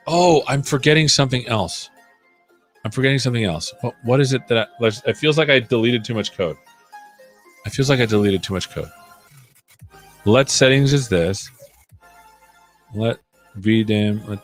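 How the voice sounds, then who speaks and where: A man running a developer livestream codes live and thinks aloud as he goes, often dropping into a mutter when talking to himself. His voice is at an ordinary middle pitch, with soft music faintly in the background.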